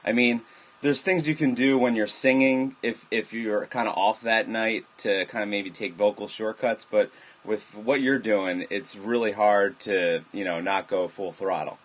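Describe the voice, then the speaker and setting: A man's voice: lowish voice, steady tone, a little slow. A man interviewing a guest, asking long, winding questions with many fillers.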